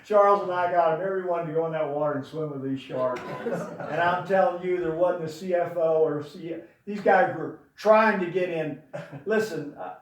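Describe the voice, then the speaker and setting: A man's voice: a little high, normal speed, crowd noise. An older man speaking at a memorial, telling fond, rambling stories about his late brother with many fillers. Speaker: eulogy speaker. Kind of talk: storytelling at a memorial. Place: large room before an audience. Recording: very echoey room, voice from far off.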